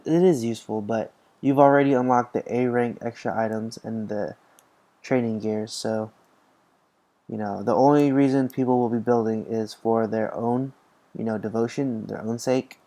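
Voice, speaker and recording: Mellow-voiced young man talking through gameplay. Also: medium pitch. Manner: rambling, tired, lots of fillers and restarts. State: tired, yawning. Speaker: gaming channel host. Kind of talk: casual gameplay commentary.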